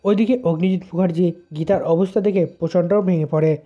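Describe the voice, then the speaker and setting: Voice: medium pitch, steady tone, a little fast, warm tone. A narrator plainly retelling a serial's episode as a story. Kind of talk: storytelling recap. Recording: dull lo-fi sound.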